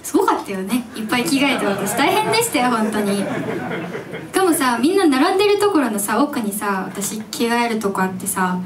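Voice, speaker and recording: A young woman in her twenties, a singer chatting with her audience at her own live show, animated and giggly as she tells stories. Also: fairly high pitch, fairly quick. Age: 20s. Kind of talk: casual stage MC chat with the audience. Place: live music venue stage. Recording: distant mic in a live club, faint background noise.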